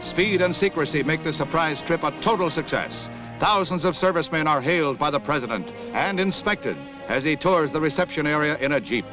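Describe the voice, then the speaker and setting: An old 1960s newsreel narration by a man with a slightly high voice. He delivers each line in a formal, declamatory announcer style, and music plays clearly underneath him. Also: brisk, poor audio. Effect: old newsreel soundtrack.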